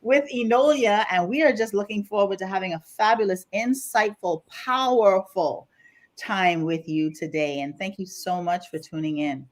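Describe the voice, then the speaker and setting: A woman with a Bahamian accent, a life coach co-hosting a podcast, talking in a lively, emphatic way and laughing often. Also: mid-range voice, moderate pace. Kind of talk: casual podcast chat.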